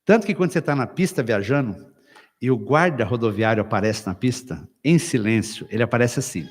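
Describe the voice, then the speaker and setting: A Brazilian man preaching to couples at a church retreat, telling stories with acted quotes and sudden loud bursts. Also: mid-range voice, lively intonation, fairly quick, husky. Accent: Brazilian Portuguese. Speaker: pastor. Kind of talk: lively sermon at a couples' retreat. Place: church hall. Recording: reverberant church hall.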